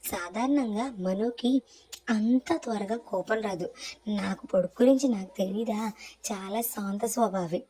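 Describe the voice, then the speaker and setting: A woman's voice: mid-range voice, measured pace, mellow, lightly acted. A woman voicing a middle-aged aunt who firmly settles a family quarrel. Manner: firm, serious.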